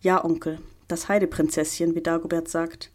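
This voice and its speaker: A woman voicing a lively, cheeky young woman who talks in a laughing, teasing way. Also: deep voice, normal speed, natural voice. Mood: playful.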